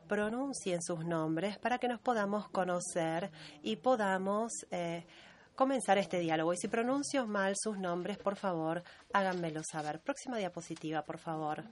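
A woman giving a steady, measured simultaneous interpretation of a meeting chair's remarks and roll call. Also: medium pitch. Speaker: conference interpreter.

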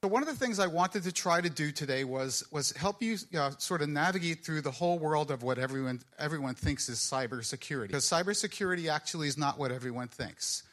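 A man's voice: on the high side, lively intonation, fast, few pauses, fairly bright tone. A man giving a conference presentation, rambling and correcting himself as he goes.

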